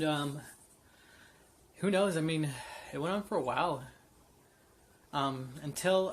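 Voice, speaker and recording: A vlogger in his late twenties tells a personal story to camera without a script, candid and rambling, full of fillers and restarts. His voice sits on the high side with a fairly bright tone, and there's slight background noise.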